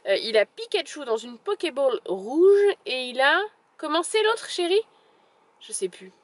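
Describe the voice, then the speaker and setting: A woman's voice: high voice, very animated, unhurried, no echo. A woman vlogging in a casual, chatty way, full of fillers and little restarts. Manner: chatty, filler-heavy, lots of "voilà". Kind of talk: casual vlog chat.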